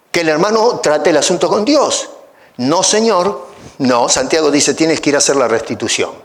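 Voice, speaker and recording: A man preaching an expository sermon as pastor, with emphatic rises, rhetorical questions and conversational asides. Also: a little high. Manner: emphatic rises on key phrases.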